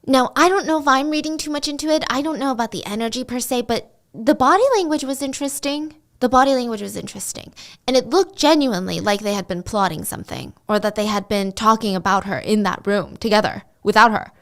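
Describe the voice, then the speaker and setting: A woman's voice: a little high, quick pace, fairly bright tone. A woman telling a story in a casual, chatty way, with asides and rhetorical questions. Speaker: commentary host. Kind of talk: casual storytelling while drawing.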